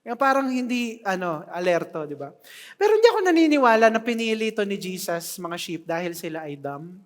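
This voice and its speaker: Animated preacher with hall reverb. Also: medium pitch, brisk. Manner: animated, joking with the congregation. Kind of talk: sermon. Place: church hall. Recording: long reverb of a church hall.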